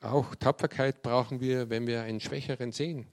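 A man giving a sermon to a youth group, reading scripture and telling the story with lively acted-out quotes. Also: mid-range voice, moderate pace. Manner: lively storyteller who acts out quoted speech.

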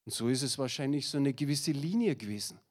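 A man's voice: medium pitch, quick pace. A middle-aged man preaching a sermon to a congregation, speaking directly to his listeners and mixing in personal anecdotes with self-deprecating humor. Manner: lively, addresses the congregation directly, with a slide presentation.

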